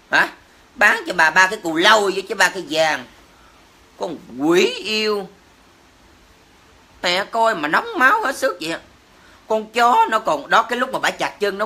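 A man's voice: sits high, sharp tone. A man with a Southern Vietnamese accent, ranting indignantly to his livestream viewers, cursing and exclaiming as he talks. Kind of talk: heated livestream rant.

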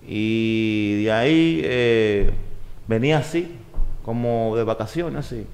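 A man's voice: on the low side, slow pace, darkish tone. A man in his forties, born in Puerto Rico and raised in New York, talking casually as a guest in a studio interview. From Puerto Rico, raised in New York and the Dominican Republic. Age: 40s. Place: podcast studio. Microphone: desk mic on boom arm.

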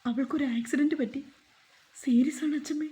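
A woman's voice: sits high, steady tone, brisk, warm tone, pitched above the performer's own voice, lightly acted. A woman voicing a caring young woman who brings bad news and comforts her family. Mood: anxious.

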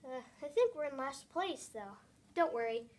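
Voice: high voice, expressive, normal speed, darkish tone. A young voice chattily voicing toy dogs in an amateur toy role-play. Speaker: home video creator voicing toy dogs.

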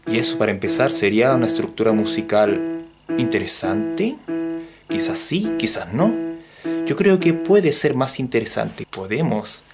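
A Chilean man teaching music theory in a playful video lesson, joking as he goes and counting beats out loud. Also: mid-range voice, a little slow. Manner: jokey, animated, counts beats aloud.

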